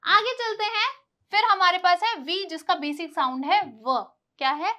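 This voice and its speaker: A woman's voice: very high-pitched, normal speed, bright, forceful tone. A woman teaching English letter sounds, asking questions and answering them herself, spelling words out letter by letter. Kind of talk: classroom lesson.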